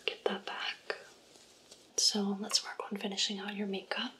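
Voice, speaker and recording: A young woman in a whispered role-play as a kindly backstage makeup artist, softly whispering close to a microphone in a small room. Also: mid-range voice, completely flat delivery, a little slow, natural voice. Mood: brisk caring. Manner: gentle unvoiced whisper, close to the mic. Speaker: ASMR creator. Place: small indoor room with purple light. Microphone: close studio microphone.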